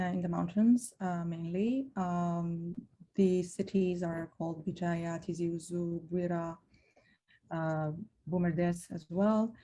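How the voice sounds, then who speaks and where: A woman from Algeria introduces herself on a video call panel. Her voice is slightly low and mellow, and she speaks earnestly, hesitating often with fillers. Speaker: panel guest.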